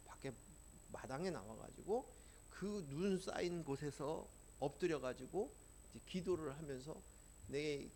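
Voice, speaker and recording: A man's voice: fairly high pitch, creaky, darkish tone, slight background noise. A man preaching a sermon, telling a personal testimony in an earnest storytelling way that rises in emphasis. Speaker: pastor.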